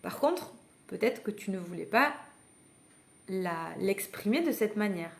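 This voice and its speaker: She speaks at a measured pace, animated, in a mid-range voice with vocal fry. As a parenting coach hosting a live online masterclass, she talks conversationally and encouragingly, speaking directly to listeners and inviting them to act, with frequent hesitations and restarts.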